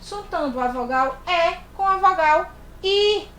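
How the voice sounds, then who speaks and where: High, sing-song teacher in an echoey room. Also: female voice, lively intonation, sharp tone, a little hiss or hum. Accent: Brazilian Portuguese. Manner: slow, sing-song, exaggerated for small children. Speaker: primary school teacher. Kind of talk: online literacy lesson for young children.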